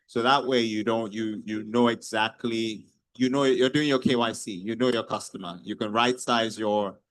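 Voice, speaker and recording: Nigerian guy with yoruba accent answering on a panel, lowish voice, pretty dry sound. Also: steady tone, normal speed, fairly bright tone, dry recording, low-quality recording.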